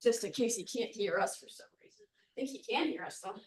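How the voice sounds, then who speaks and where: A woman's voice: mid-range voice, animated, a little fast, slightly rough, no room sound. Tentative woman on a meeting call. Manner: tentative, hedging with fillers. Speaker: committee member. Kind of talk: public committee meeting discussion.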